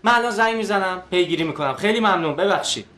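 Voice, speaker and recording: A man's voice: high voice, expressive, sharp tone. An actor playing a harried husband and father, polite and placating but exasperated. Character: henpecked office-working husband, patient and weary. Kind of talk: TV comedy series acting.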